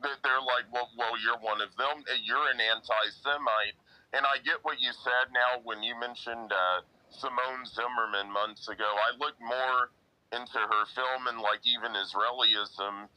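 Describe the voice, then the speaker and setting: A man's voice: medium pitch, steady tone, measured pace, pushed and bright, poor audio. A man talking earnestly in a casual online chat, often quoting his own past words. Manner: earnest, quotes himself often. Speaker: guest in online audio chat.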